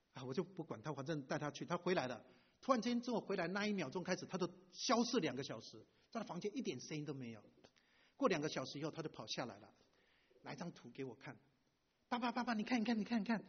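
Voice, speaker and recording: A middle-aged male pastor giving a lively sermon, often asking the audience questions and mixing in English words. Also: a little high, husky. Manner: animated preacher, asks the audience questions, mixes in English words. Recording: dull lo-fi recording.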